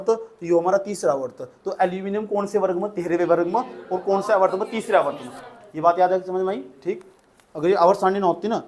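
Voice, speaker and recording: A man with a high voice teaches a chemistry class. He repeats each phrase slowly for dictation and keeps checking with questions whether the students have understood. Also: darkish tone. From India. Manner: repetitive, coaxing, asks students questions. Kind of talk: classroom lecture dictating notes.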